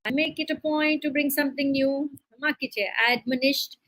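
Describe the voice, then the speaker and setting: A woman's voice: high voice, steady tone, normal speed, fairly bright tone, no room sound, poor audio. A woman teaching English vocabulary on a live stream, reading a short story aloud and then quizzing her learners in a chatty way with fillers.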